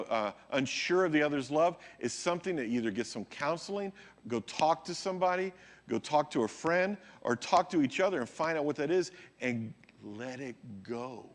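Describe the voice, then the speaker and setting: A man's voice: a little high, animated, normal speed. A male pastor preaching a sermon in a conversational way, often checking in with his listeners. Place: church.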